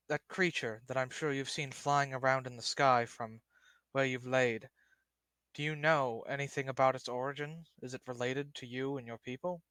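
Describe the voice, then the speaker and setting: A man's voice: mid-range voice, a bit bright, clean tone, dry recording. A man playing a tabletop role-playing game, casually reasoning aloud in a hesitant, rambling way.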